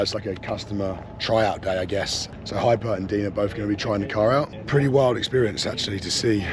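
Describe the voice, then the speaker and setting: Joking man vlogging outdoors at an airfield. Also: lowish voice. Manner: laughing, joking banter. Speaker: car vlogger. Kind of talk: casual vlog chat. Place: outdoors at an airfield near cars. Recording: outdoor vlog with clear background noise.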